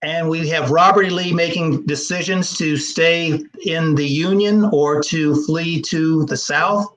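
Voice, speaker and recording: Male historian guest, slightly high voice, measured and explanatory, lots of "uh". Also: fairly even intonation, fairly bright tone, rough recording. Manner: measured, explanatory, with frequent fillers. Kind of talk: explaining history over slides in an interview.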